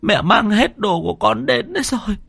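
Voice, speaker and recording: A man's voice: high-pitched, lively intonation, moderate pace, creaky, a bit bright, breathy edge, dry recording, faint music behind, voice pushed up, exaggerated voice. A man voicing a grieving middle-aged mother who cries, stammers and pleads with her son. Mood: wailing. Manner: wailing, stammering pleas. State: crying.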